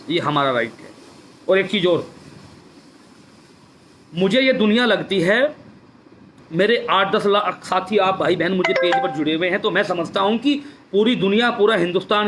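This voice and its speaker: A man speaks with fervour on a live stream, his voice sitting high, and he drives each point home by saying it twice. A faint hiss of noise runs under him. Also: fairly bright tone. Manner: emphatic, repeats key phrases. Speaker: political speaker on a social media live stream. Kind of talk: impassioned live-stream address.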